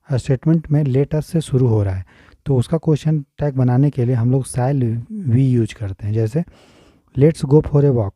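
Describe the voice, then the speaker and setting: A man's voice: medium pitch, dark tone, no room sound. An Indian man teaching an exam-prep grammar lesson, explaining step by step and often checking if students follow.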